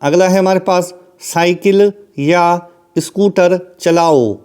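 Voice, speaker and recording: A man teaching English words as a vocabulary lesson, in a deliberate drilling manner that repeats each word. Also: high voice, darkish tone, smooth.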